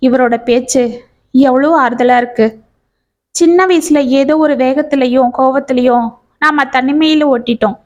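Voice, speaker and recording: A woman's voice: sits high, steady tone, normal speed, darkish tone, close to an everyday voice. A woman voicing a distressed middle-aged single mother, tearful and pleading. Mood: wistful. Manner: tearful, pleading, rising and raw.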